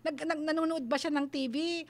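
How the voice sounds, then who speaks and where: A woman's voice: sits high, fairly even intonation, a little fast. A middle-aged Filipino woman hosting a radio advice show, mixing Tagalog and English and acting out the voices she quotes. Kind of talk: parenting advice talk on radio.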